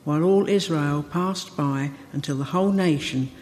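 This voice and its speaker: A woman reading a Bible passage aloud to a congregation, steady with small slips. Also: low voice, normal speed. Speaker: scripture reader. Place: church. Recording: long church reverb.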